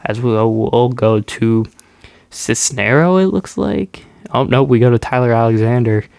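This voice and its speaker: A man's voice: mid-range voice, a little slow, vocal fry, no room sound. Stuffed-up young man recapping a game. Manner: relaxed recap with frequent ums and restarts. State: stuffed-up nose. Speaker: gaming YouTuber. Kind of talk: casual gameplay commentary.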